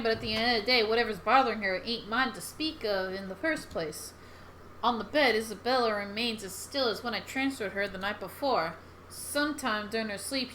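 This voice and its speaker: A woman reading a horror game's narration aloud in a soft, measured way. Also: mid-range voice, slight background noise, poor audio.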